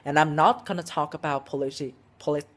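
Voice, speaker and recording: A man's voice: a little high, steady tone, a little fast, fairly bright tone. A sixteen-year-old boy tells a casual vlog story, rambling and restarting, with lots of "like" and "um". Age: teenager, 16. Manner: rambling, heavy with "like" and "um", frequent restarts. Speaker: vlogger.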